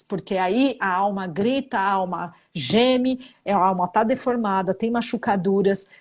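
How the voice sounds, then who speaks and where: A middle-aged woman, a psychologist, giving blunt, emphatic relationship advice in a live talk, repeating her key points with religious framing. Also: mid-range voice. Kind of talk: live advice talk answering viewer questions.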